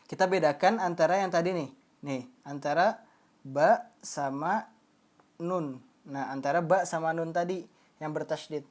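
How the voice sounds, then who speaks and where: A woman with a low, mellow voice leads a live online recitation lesson. She explains patiently, repeats herself, and draws example words out slowly. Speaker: Quran recitation teacher.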